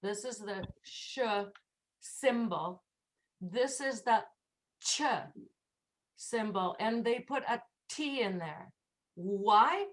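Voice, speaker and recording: A woman's voice: medium pitch, animated, extremely slow, pauses often. A woman teaching English pronunciation in an online class, patiently demonstrating sounds. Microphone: video call.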